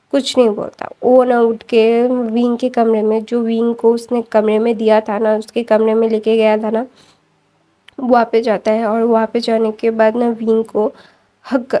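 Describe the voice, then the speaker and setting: A woman casually retelling a fan story, chatty, linking sentences with fillers and quickly correcting herself. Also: fairly high pitch, mellow.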